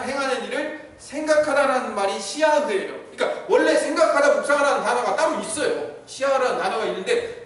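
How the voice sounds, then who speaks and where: A man's voice: very high-pitched, a bit bright. A middle-aged male pastor preaching a sermon, teaching and asking the congregation questions. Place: church sanctuary. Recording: echoey hall, mic from far off.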